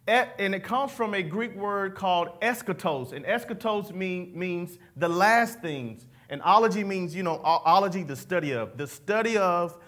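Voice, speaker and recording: With lively intonation, a moderate pace and few pauses, a male pastor delivers a sermon in a high, bright voice. He pulls the congregation into call-and-response and tosses in folksy asides.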